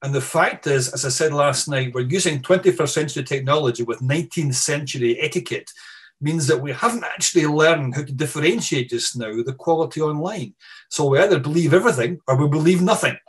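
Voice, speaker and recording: A man's voice: a little high, brisk, slightly rough. A man with a Scottish accent, a professor giving an online seminar talk over a video call, thinking aloud with frequent restarts and repeated words. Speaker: guest speaker, professor.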